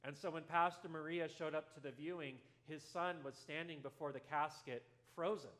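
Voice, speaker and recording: A male pastor preaching a sermon in a church, telling a story earnestly and going softer at tender moments. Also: a little high, fairly even intonation, normal speed. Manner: earnest storytelling, drops softer for quoted lines.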